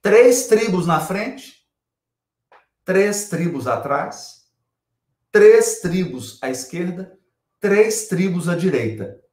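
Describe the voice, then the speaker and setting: A man's voice: sits high, expressive, slow pace, long pauses, darkish tone, reverberant. Emphatic Brazilian man lecturing on scripture. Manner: emphatic, repeats key phrases, asks rhetorical questions. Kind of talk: spiritual lecture.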